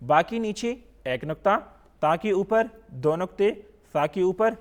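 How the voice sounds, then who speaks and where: In a televised lesson on reading the Quran, a Pakistani-accented man with a high voice and lively intonation patiently drills the letters. He recites slowly with drawn-out sounds and uses English words when explaining.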